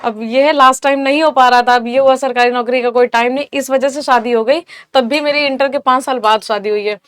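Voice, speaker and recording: A young woman answering interview questions, recounting her story in a steady, matter-of-fact way. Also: high-pitched, fairly quick, smooth, no room sound. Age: young adult. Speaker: guest, successful exam candidate.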